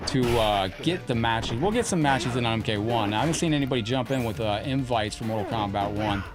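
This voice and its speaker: A man's voice: medium pitch, a little fast, over music. A man hosting a live gaming stream, chatting casually with viewers as he plays at his desk at home. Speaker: game streamer.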